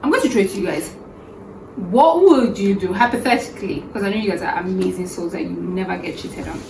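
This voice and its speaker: A woman co-hosting a casual panel chat, animated and quick to talk over the others. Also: medium pitch, creaky. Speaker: co-host. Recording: roomy, distant mic with faint hiss.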